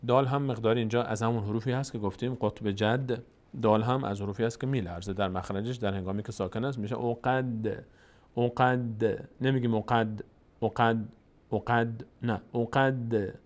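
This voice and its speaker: A man teaching the rules of Quran recitation, explaining in plain speech and then reciting verses slowly and drawn out. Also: lowish voice, darkish tone.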